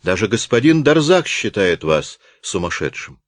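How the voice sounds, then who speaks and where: A man's voice: fairly low pitch, sing-song, normal speed, dry recording, studio quality. A man voicing a stern, impatient presiding judge who presses with insistent questions. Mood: indignant.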